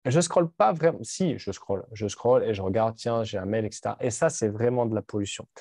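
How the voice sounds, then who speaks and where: A man's voice: lowish voice, brisk, creaky, mellow, no room sound, clean studio sound. A man in his late thirties talking frankly and casually to camera, rambling with restarts and casual swearing. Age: 30s. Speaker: vlogger. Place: home in Dubai.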